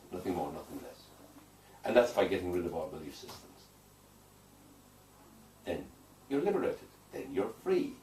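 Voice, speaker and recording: A man's voice: deep voice, a little mellow. A man working as a hypnotherapist, answering interview questions in an emphatic, declarative way and repeating phrases for weight. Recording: echoey room, distant mic, faint noise.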